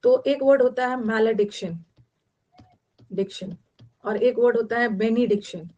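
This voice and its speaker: Young Indian woman teacher, higher voice, repeats each word as she explains it. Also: measured pace, dark tone, highs cut off. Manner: explains in Hindi mixed with English, repeating words. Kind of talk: online vocabulary class.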